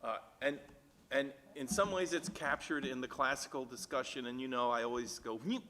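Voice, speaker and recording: A man leading a church Bible discussion, thinking aloud with halting restarts and growing animated when he reads the text aloud. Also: medium pitch. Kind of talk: casual discussion. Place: church meeting room. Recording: church room with long reverb.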